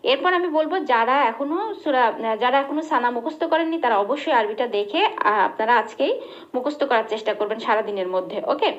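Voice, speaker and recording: A woman teaches a class with patience, sounding out each syllable slowly and then checking with her listeners. Her voice sits high and clear. The recording is muffled and lo-fi. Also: expressive. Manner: patient, repeats and drills pronunciation, asks the class questions. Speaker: religious teacher. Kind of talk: slow recitation lesson. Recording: dull lo-fi recording.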